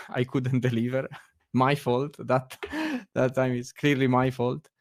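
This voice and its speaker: An Italian man, a guest at a meetup, chats casually on a video call in Italian-accented English, hesitating often with fillers and restarts and laughing a lot. His mid-range voice is expressive and slow, captured in studio quality with no echo.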